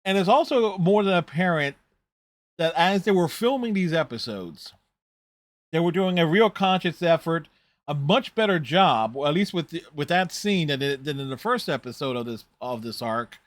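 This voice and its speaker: A man's voice: a little high, lively intonation, moderate pace, no room sound. A man hosting a reaction video, giving casual, rambling, conversational running commentary on a TV show.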